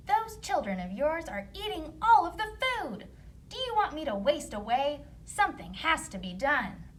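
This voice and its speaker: A woman's voice: high-pitched, very animated, normal speed, voice pushed up. A woman voicing a selfish, scheming stepmother in a children's storybook, exaggerated, wheedling and falsely nice. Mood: whiny indignant.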